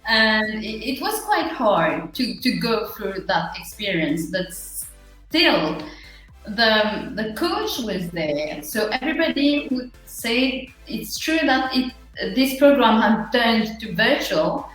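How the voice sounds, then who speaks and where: A woman with a Mauritian accent answering interview questions in an earnest, halting, conversational way. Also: fairly high pitch, sing-song, fairly bright tone. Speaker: interview guest, small business owner. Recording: very echoey room, faint music.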